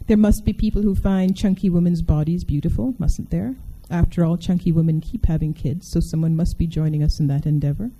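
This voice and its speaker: Woman speaker giving a talk, wry and chatty, dark mellow voice. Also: lowish voice, steady tone, brisk, few pauses, poor audio. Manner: wry and conversational, asks the audience questions. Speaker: speaker addressing an audience. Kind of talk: public talk with a reading from a novel.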